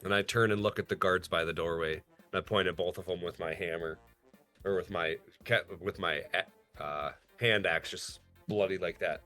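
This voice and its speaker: A man playing a tabletop game, describing his character's actions in a relaxed casual way. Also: sits low, moderate pace, faint music behind. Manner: relaxed, slips into gruff in-character threats. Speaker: player.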